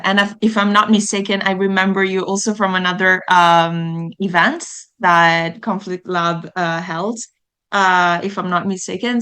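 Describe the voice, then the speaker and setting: A woman moderating an online session over a computer microphone on a video call. Her voice is smooth and clear at a middle pitch, and she speaks politely with many "uh"s and "um"s while she thanks guests and hands over the floor. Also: fairly bright tone. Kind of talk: hosting an online event.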